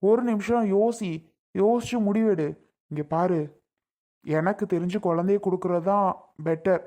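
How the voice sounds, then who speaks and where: A man's voice: high voice, moderate pace, mellow, close to an everyday voice. A man playing an older father-in-law who coaxes and insists, repeating his pleas, in a family drama skit. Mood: pleading.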